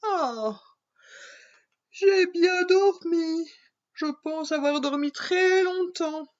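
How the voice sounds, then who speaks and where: A woman voicing a hungry, carefree young princess who loves grilled dragon, squeaky and cheerful. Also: drawn-out words, highs cut off, heavily acted. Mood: delighted.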